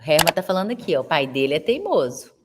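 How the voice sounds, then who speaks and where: A Brazilian woman in her forties, speaking with a Brazilian Portuguese accent, teaches a live online class for elder caregivers. Her low voice swings widely in pitch at a quick pace over a noisy background. She's chatty and tags nearly every sentence with a question to her viewers.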